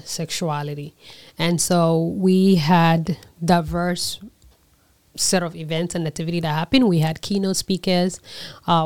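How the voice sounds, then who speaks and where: A young adult woman from Liberia answering interview questions in a thoughtful way, pausing often and correcting herself as she goes. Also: fairly low pitch, a little mellow. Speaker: interview guest, conference organizer.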